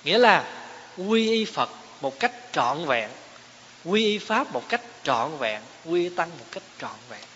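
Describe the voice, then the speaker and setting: A man's voice: on the high side, sing-song, a little slow, sharp tone. Man giving a dharma talk. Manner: explains terms, poses rhetorical questions to listeners. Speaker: Buddhist teacher. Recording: echoey hall, dull lo-fi sound, faint hiss.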